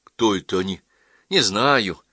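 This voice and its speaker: A man reading an audiobook voices an angry, tearful teenage girl in high, shrill outbursts. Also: measured pace, sharp tone, dry recording, studio quality. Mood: agitated chatter.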